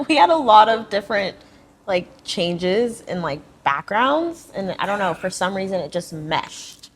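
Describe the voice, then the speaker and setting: A woman's voice: mid-range voice, sing-song, unhurried, a little hiss or hum. A young woman hosting a podcast, chatting easily and answering often with short agreements. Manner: easygoing, frequent agreeing backchannels. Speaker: podcast host. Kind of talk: casual interview chat.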